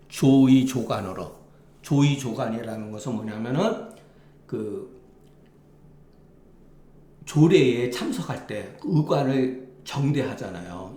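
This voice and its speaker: Going through a classical Chinese text line by line, a man with a medium-pitched, somewhat mellow voice reads passages aloud, glosses them in plain terms and often adds affirming asides. The sound is reverberant.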